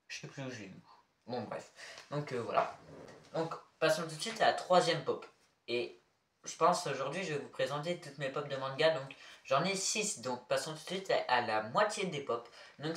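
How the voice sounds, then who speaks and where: A man talks casually to the camera about his collection, hesitant and full of fillers and restarts. His voice sits a bit high for a man. It was picked up by a mic some distance away in an echoey room. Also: fairly bright tone. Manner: hesitant, many fillers and self-corrections. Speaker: collector showing figurines. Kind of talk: casual show-and-tell to camera.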